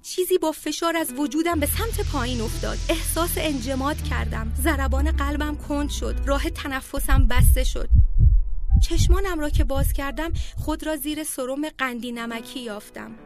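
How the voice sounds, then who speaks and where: High-voiced woman narrating a memoir. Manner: heartfelt, measured reading. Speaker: storyteller. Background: faint music.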